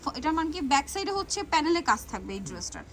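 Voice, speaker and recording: A woman's voice: high voice, big pitch swings, rapid-fire, fairly bright tone. A woman hosting a shopping video in a mall clothing shop, showing dresses one after another and repeating each price. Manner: rattles off prices and repeats them. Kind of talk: fast product showcase. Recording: noisy shop ambience.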